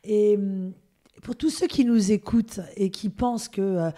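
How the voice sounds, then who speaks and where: A woman's voice: mid-range voice, steady tone, measured pace, warm tone. A woman interviewing an artist, reflecting on his story and affirming what he says. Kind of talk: interview questions.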